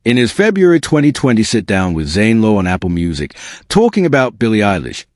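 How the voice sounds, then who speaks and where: Smug, animated man delivering a slangy exposé. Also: fairly low pitch, fairly quick, no echo, studio quality. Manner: slangy, incredulous. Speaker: online commentary host. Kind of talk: scripted celebrity exposé commentary.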